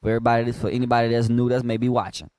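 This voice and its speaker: A man teaching a Bible class in a preaching style, prompting a reader with call and response and swinging from quiet low asides to loud emphatic bursts. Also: level tone, very fast, no room sound.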